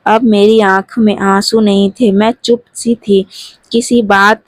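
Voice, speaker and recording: A woman narrating a sad first-person story in a calm, steady way. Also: medium pitch, unhurried, no echo.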